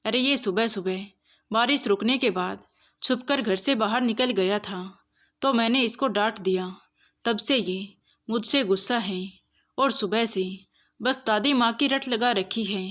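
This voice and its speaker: A woman's voice: a little high, unhurried, fairly bright tone. Woman doing a loving, firm father. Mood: coaxing. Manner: affectionate, coaxing. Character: loving father, gently firm with his son.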